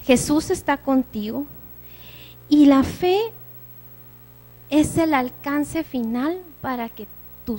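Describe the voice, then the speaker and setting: A woman's voice: high-pitched, darkish tone. Woman, church sermon, earnest and conversational, personal stories. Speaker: preacher.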